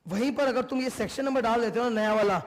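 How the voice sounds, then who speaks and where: A man's voice: extremely high pitch, fast talker. An Indian man teaching a class, emphatic and repetitive, mixing Hindi and English as he lectures. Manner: mixes Hindi with English, emphatic, repeats points. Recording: long hall reverb.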